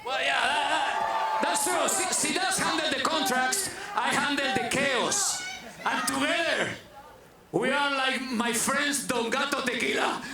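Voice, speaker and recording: Male wrestling boss, theatrical and emphatic, slow delivery, big echoing arena with loud crowd. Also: extremely high pitch, very noisy. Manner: theatrical, emphatic, repeats phrases. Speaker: wrestling promotion president. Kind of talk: showman's speech to a live crowd.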